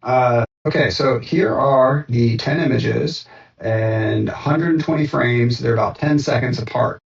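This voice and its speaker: Gravelly man demoing software in a roomy space. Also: mid-range voice. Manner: relaxed, thinks aloud with frequent "uh" and restarts. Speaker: software developer demoing his app. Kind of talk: casual screen-share walkthrough. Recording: roomy, distant and dull sound.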